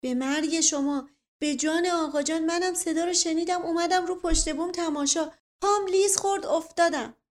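A woman's voice: extremely high pitch, pitched above the performer's own voice. A woman voicing a young man pleading desperately that he is innocent. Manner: pleading, swearing oaths.

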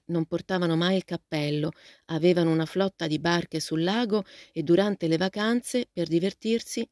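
Low-voiced woman narrating a storybook. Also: a little mellow, no room sound, studio quality. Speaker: audiobook narrator. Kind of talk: scripted narration.

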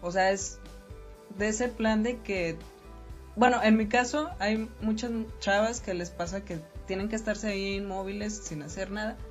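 A young Mexican woman with a mid-range voice chats casually at a moderate pace as a podcast guest, agreeing easily and often laughing along in a relaxed way. The audio is dull and lo-fi, with faint music behind her.

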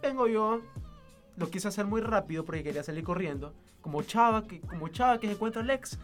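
A young man, casually telling a lively story and acting out the people in it. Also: high-pitched, a little fast, faint music behind. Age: young adult. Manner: animated, acts out voices of people in his story.

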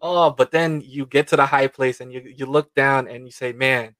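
A man hosting an interview, responding warmly and stammering through his questions with many fillers. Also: mid-range voice, steady tone, moderate pace, no echo. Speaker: interview host. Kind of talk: conversational interview.

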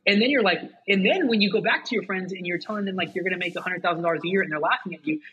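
A man talking as a podcast guest, energetic and quick to get hyped, leaning hard on "like" as he gives motivational advice in casual chat. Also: high-pitched. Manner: energetic, fast, heavy use of "like". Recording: dull lo-fi sound.

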